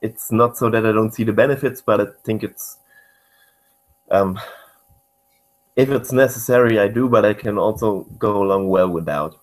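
A man's voice: on the low side, moderate pace, pauses often, poor audio. A man from East Germany with a German accent, answering interview questions hesitantly and searching for words in English.

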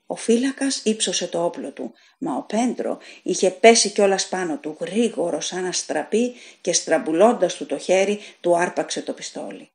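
A woman narrating a short story as an audiobook reader, in a measured, dramatic storytelling manner. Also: lowish voice, expressive, vocal fry. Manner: measured, dramatic storytelling that voices characters' shouts.

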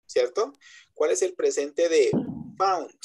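Male English teacher, web lecture, husky tone, patient step-by-step explainer, switches between Spanish and English examples. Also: on the high side, takes it slowly, darkish tone. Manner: explains step by step, keeps checking with students. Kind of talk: online class lecture. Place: web conference.

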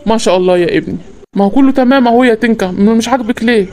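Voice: mid-range voice, slight background noise, natural voice. A performer voicing a blustering middle-aged father of the bride in a comedy cartoon, in Egyptian Arabic. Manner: blustering, quick to shout.

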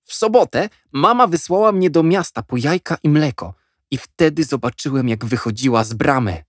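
A man voicing an excited schoolboy who is eager to share his news and pleads with his friends to listen. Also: on the high side, normal speed, no echo, studio quality, pitched above the performer's own voice.

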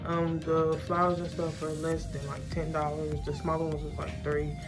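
A young woman shows off her small salon suite, filming on a handheld phone as she goes. She talks in a casual, chatty way, calling the viewers y'all, in a slightly low voice. Music plays clearly behind her. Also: completely flat delivery, normal speed. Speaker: salon suite owner and braider. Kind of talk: casual walkthrough tour. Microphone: handheld phone camera.

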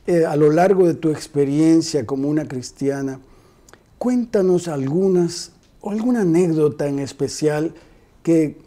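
A man in his sixties, a pastor hosting a devotional TV show, talking calmly and reflectively in a studio on a lapel mic. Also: fairly high pitch. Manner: calm, reflective, paraphrases the guest. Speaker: pastor and TV host. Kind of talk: devotional TV interview. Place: TV studio set, indoors.

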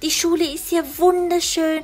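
An eager little schoolgirl , voiced by a woman chatters in a very high, childlike voice. She sounds sweet and earnest, like a young kid in an animated story. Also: moderate pace.

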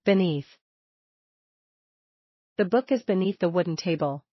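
A woman reads vocabulary words and sample sentences in a slow, carefully spaced delivery. Her voice sits on the low side for a woman. The sound is dry and a bit dull, with little room and muted highs. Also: breathy edge, dry recording. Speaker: vocabulary reader. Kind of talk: slow scripted word-and-sentence reading.

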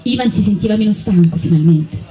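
A woman with an Italian accent reading a children's story aloud, gently and unhurried, with small slips. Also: medium pitch.

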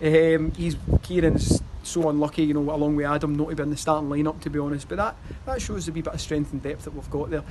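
Talking fast with few pauses, the Scottish manager in his thirties answers post-match questions outside by a stadium wall, his rambling runs broken by fillers and restarts. His voice is fairly high, his intonation fairly even, and the background is noisy.

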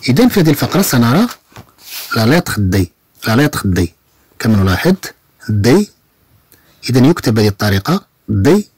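A man's voice: medium pitch, sing-song, darkish tone, breathy edge. Patient man teaching French. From Morocco. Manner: slow syllable-by-syllable modeling of words, patient repetition. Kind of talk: online beginner French lesson.

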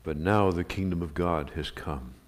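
A man with a fairly low voice preaches in a church service. He retells scripture like a story, chatty and unhurried, slipping in asides and quiet chuckles. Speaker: pastor. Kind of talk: sermon. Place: church sanctuary. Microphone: livestream recording of a live service.

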